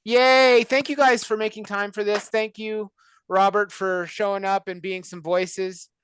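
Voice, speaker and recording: A man's voice: high voice, flat delivery, measured pace, a bit bright, clean tone. A man hosting a casual chat on a video call, joking and rambling. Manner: joking, rambling, self-mocking. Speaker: show creator and host of the call.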